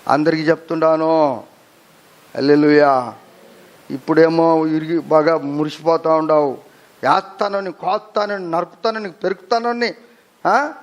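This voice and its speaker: A male pastor with a Telugu accent, preaching an animated sermon, acting out a crying baby and frail old people and calling out hallelujah. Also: high-pitched.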